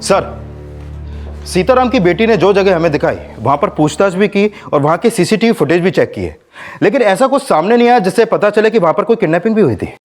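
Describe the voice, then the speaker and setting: An actor playing a dutiful police sub-inspector who reports briskly to his senior in a TV crime drama. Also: high voice, expressive, no room sound, soft background music.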